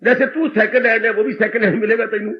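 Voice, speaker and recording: A man voicing an exasperated middle-aged mother who scolds her widowed daughter in quick, pleading retorts. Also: sits high, fairly even intonation, dull audio, a little hiss or hum, lightly acted.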